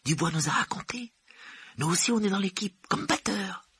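A man's voice: high-pitched, expressive, moderate pace, fairly bright tone, slightly rough, no room sound, pitched above the performer's own voice, heavily acted. A man voicing a cheerful, cheeky teenage boy.

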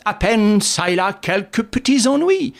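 A man's voice: high-pitched, sing-song, unhurried, gravelly, voice pushed up, exaggerated voice. A man reading an audiobook, voicing a self-satisfied English detective who talks in a hearty, bossy way. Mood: jovial.

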